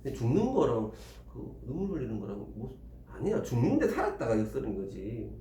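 A man's voice: medium pitch, brisk, slight background noise. Man, teaching tutor, teasing manner, roomy classroom. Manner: animated, teasing, quizzes students. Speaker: Korean language tutor. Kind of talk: classroom lecture. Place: small classroom. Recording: roomy classroom, faint ambience.

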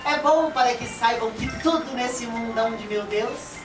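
A woman's voice: on the high side, close to an everyday voice. Woman as a kindly old storyteller, echoey stage. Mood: tender, nostalgic. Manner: slow, tender, folksy storytelling. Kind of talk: theatrical storytelling. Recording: echoey theatre, distant mic, music behind.

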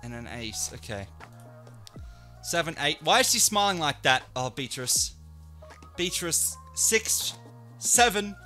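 A man commentating his own live blackjack play, excitable and swearing a lot, swinging from low muttering to loud shouts. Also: takes it slowly, long pauses, faint music behind. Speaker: online casino streamer.

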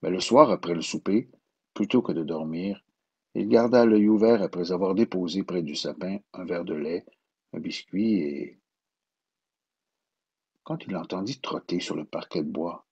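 A man with a Quebec French accent narrating a children's storybook in an expressive, gentle way. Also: low-pitched, gravelly, husky.

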